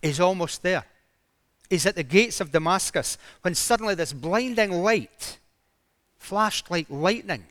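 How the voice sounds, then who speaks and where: A man's voice: high-pitched, expressive, a little slow, a bit bright, no room sound. A man preaching a sermon, retelling a story dramatically with emphatic rises in his voice.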